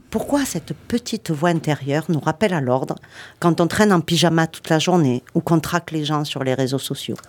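A woman reading a playful, self-mocking radio column and bantering with the studio. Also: low-pitched.

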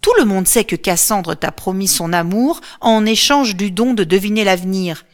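Boastful trickster god, male, read by a woman, brash and quick, storybook. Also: medium pitch, close to an everyday voice. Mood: cheeky.

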